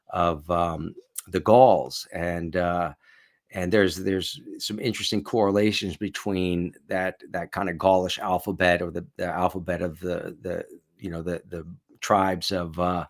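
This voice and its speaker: A man with a very low voice reads aloud and comments as the host of a stream. He rambles, restarts his sentences and fills the pauses with ums and uhs. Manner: rambling, hesitant, many fillers. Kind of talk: casual reading and commentary.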